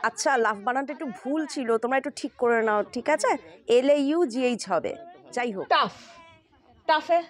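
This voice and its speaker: Lady teaching english sounds, high voice, spells stuff out letter by letter. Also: animated, a little fast. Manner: explanatory, addresses students informally, spells out letters. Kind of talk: spoken English lesson.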